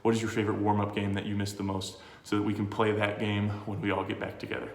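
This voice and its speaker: A man's voice: on the low side, completely flat delivery, fast talker. A man coaching, casually demonstrating exercises and talking straight to the kids he teaches in a friendly, encouraging way. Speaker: sports coach. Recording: roomy echo with long reverb.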